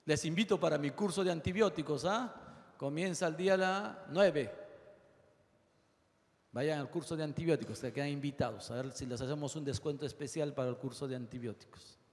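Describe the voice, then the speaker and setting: A man lecturing medical students on pain, firing off rapid lists of causes and acting out the complaints of patients. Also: fairly high pitch. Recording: reverberant lecture hall.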